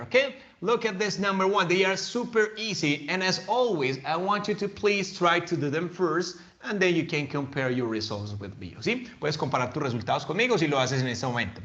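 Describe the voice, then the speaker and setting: A man's voice: high-pitched, animated, normal speed, few pauses, a bit bright, lo-fi sound. Man teaching English grammar. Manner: switches between Spanish and English, patient explanations; checks in often with the class. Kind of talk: recorded online grammar lesson.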